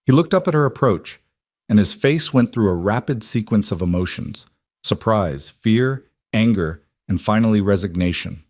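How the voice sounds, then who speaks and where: A man narrating a story in an even, measured reading. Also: on the low side, no room sound, studio quality. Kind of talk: scripted audiobook narration.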